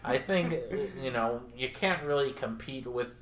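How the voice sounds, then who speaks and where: A man casually chatting on a podcast as co-host, halting with lots of filler pauses and dry, crude jokes. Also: medium pitch, a bit bright.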